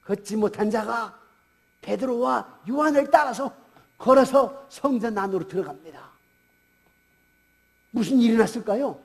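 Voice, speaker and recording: A man's voice: extremely high pitch, expressive, measured pace, gravelly, pauses often. A male pastor giving a Sunday sermon in a church, retelling a story and asking the congregation rhetorical questions. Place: church sanctuary.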